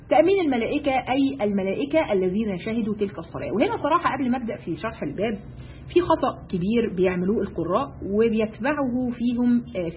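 A woman with an Egyptian accent teaches a religious lesson to a group of women. She talks at a rapid clip and keeps asking rhetorical questions. The recording is dull and lo-fi, with faint noise behind her. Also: fairly high pitch. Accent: Egyptian Arabic. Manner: brisk, asks her listeners rhetorical questions.

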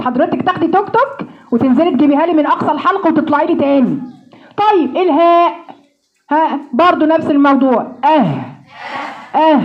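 A woman with an Egyptian accent teaching Quran recitation, drilling sounds slowly and joking with homely comparisons. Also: sits high, lo-fi sound. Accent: Egyptian Arabic. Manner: playful, homely comparisons, slow drawn-out model sounds. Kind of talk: pronunciation lesson with drills.

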